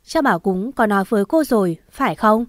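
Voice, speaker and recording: A woman storyteller voicing an elderly spirit medium who speaks in a flat, unhurried way. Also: medium pitch, no echo, clean studio sound, close to an everyday voice. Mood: calm. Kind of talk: audiobook story reading.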